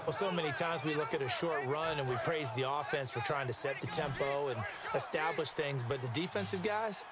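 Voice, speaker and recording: A man's voice: a little high, brisk, over a noisy crowd, natural voice. A man with an American accent playing a football color commentator in a video game, explaining plays in a folksy way. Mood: analytical. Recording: loud game noise behind voice.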